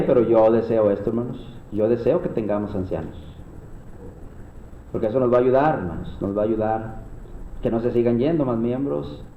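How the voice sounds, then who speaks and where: A man's voice: mid-range voice, slight background noise. Man, Mexican Spanish accent, earnest preacher teaching a class, echoey hall sound, muffled lo-fi recording. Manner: earnest, repeatedly addresses listeners as brothers. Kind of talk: sermon-style Bible class. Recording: echoey room, dull lo-fi sound.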